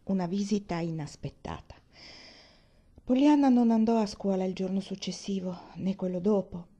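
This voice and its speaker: A woman reading a children's novel aloud in a calm, measured way. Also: mid-range voice. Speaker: reader. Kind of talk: audiobook narration.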